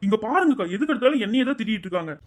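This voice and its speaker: A woman's voice: fairly high pitch, lively intonation, rapid-fire, a little hiss or hum, lightly acted. A woman voicing a sulky young wife who complains that nobody understands her. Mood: aggrieved. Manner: whiny, complaining, self-pitying.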